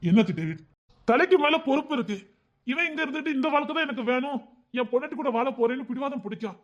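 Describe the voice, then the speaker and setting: A man's voice: very high-pitched, expressive, fast talker. A man with a Tirunelveli Tamil accent voicing an urgent, scolding older-brother ally in an audio story. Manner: pressing, scolding, rising to shouts. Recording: dull lo-fi recording.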